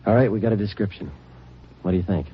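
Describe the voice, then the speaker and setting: An actor playing a terse police detective who narrates a 1950s radio drama in a flat, matter-of-fact way. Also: male voice, lowish voice, fast, slightly rough. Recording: muffled vintage radio broadcast with music.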